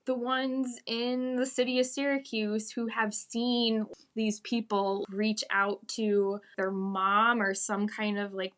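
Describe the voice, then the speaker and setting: A woman's voice: mid-range voice, a bit bright. A woman talking candidly and informally as an interview guest, reflective and full of hedging asides. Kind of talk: candid casual conversation.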